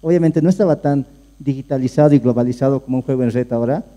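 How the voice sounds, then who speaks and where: A man's voice: medium pitch, fast, mellow. A man from Bolivia commenting from the audience at a panel, speaking hesitantly. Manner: hesitant, many fillers and restarts. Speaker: audience member.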